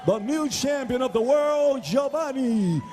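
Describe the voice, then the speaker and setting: A man ring-announcing a fight in a booming lucha libre announcer manner, formal and bilingual, stretching out shouted names. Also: lively intonation, unhurried, a crowd in the background, background noise.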